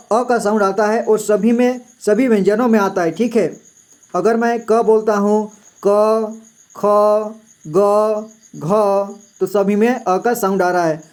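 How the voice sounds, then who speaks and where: Slow, patient male teacher. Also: high voice, a little mellow. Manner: patient, repeats "theek hai" often. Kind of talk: slow classroom explanation.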